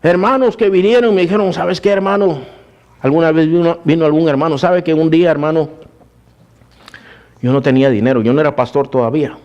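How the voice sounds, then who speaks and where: A man, a pastor, preaching a sermon and telling his own testimony, calling the listeners "brothers", moving between raised preaching and hushed storytelling. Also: on the high side, fairly even intonation, a little fast, lo-fi sound.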